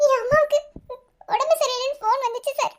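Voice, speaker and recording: Cartoon role: woman as hesitant apologetic girl student, very high. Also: fairly even intonation, fast. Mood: nervous. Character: timid young female student in trouble.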